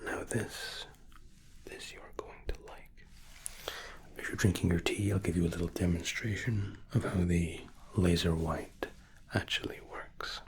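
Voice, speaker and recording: In an ASMR roleplay, a man softly explains spa treatments with a gentle, reassuring, attentive manner. His voice is whispery, breathy and soft-spoken, sitting low with a steady tone and a slightly slow pace.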